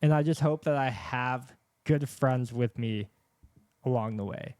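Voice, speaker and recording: A man's voice: medium pitch, measured pace, darkish tone, clear, resonant tone, no echo. A man with a lisp hosting a casual podcast chat, earnest and rambling, with lots of fillers. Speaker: podcast host. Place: podcast set with camera and microphones. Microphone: studio microphone.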